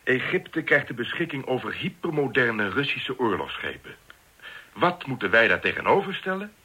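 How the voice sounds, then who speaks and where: A calm, husky officer. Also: male voice, mid-range voice, moderate pace, heavily acted. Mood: explaining. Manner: calm, explanatory, worldly. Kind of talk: 1960s radio drama.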